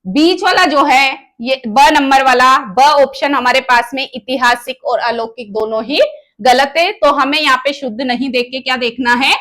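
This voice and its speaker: A woman's voice: sits high, fairly bright tone. A woman with a Rajasthani Hindi accent teaching an exam-prep Hindi grammar lesson, asking the class questions and answering them herself as she goes through each option. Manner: spells out words slowly, option by option.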